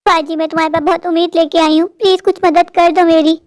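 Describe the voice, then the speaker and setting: A poor, worn-out young mother in a cartoon, pleading and lamenting her troubles, voiced by a woman. The voice is very high-pitched and plaintive. The recording is dry and close. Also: level tone, fast, no room sound. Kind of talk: cartoon voice-over.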